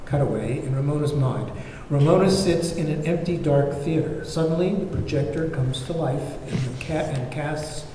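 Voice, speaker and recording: With hardly any pauses, a dark-toned man whose voice is on the high side reads stage directions and scene descriptions at a moderate pace as the table read's narrator. Faint noise and strong hall echo come through a distant mic.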